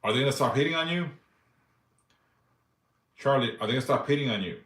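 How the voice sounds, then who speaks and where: Fairly quick and expressive, this man's medium-pitched voice has a fairly bright tone and reverberant sound. He's in his forties, hosting a casual live stream where he reads viewer yes-or-no questions aloud and answers them briefly with loose, profane talk.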